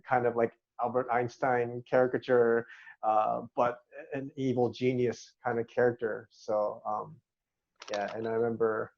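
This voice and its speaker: A man telling stories in a relaxed way, quoting what people said. His voice is mellow and dark. The sound is dull and lo-fi. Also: medium pitch, vocal fry. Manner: relaxed storytelling with quoted asides. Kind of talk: casual reunion chat.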